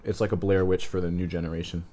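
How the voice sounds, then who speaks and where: A man's voice: deep voice, flat delivery, fast, dark tone. A young man ranting crudely about a movie in a casual chat with friends.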